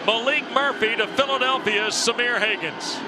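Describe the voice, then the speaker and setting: High-pitched American man making touchdown calls. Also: moderate pace. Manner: excited, punchy touchdown calls in short phrases. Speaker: play-by-play sports commentator. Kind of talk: live American football commentary with excited touchdown calls. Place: stadium broadcast booth. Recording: noisy broadcast over loud stadium crowd. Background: loud crowd and stadium noise.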